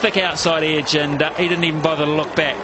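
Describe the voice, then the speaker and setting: A man's voice: on the high side, flat delivery, fast. A man working as a cricket commentator on live television, opinionated, emphatic and conversational. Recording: loud crowd noise behind broadcast voice. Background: loud stadium crowd.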